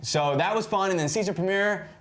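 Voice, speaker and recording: A man's voice: high-pitched, fairly quick, a bit bright. A man co-hosting a casual review show, giving blunt, emphatic opinions. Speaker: show co-host.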